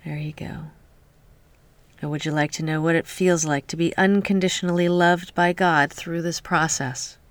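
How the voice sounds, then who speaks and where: A woman leading a guided healing meditation in a soft, slow voice that often drops to a whisper, speaking close to the mic. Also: lowish voice, steady tone, no echo.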